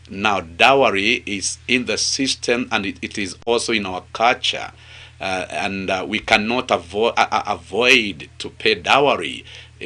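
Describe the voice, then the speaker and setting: A male preacher with a Kenyan accent and a very bright, forceful voice pitched a little low for a man. He delivers a teaching sermon emphatically, often restarting and repeating phrases to drive a point home.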